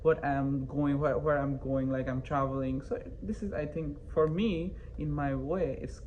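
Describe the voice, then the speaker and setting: A man's voice: fairly high pitch, steady tone, unhurried, darkish tone, lo-fi sound, slight background noise. A young man from Bangladesh, a student and interview guest, answering hesitantly with many fillers and restarts. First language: not English. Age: young adult.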